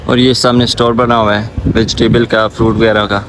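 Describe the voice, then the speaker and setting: A man in his twenties with a Pakistani accent chats casually to viewers while vlogging a walking tour through busy city streets. His voice is fairly low with little pitch movement, and he talks a little fast; the clear recording picks up street and traffic noise.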